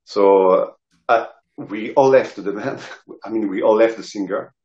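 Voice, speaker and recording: His voice is lowish and a little mellow, his pace measured. A middle-aged man from the south of France with a French accent, he's a rock guitarist and singer relating casual anecdotes in an interview, pausing to find words. The indoor video-call audio is roomy and dull.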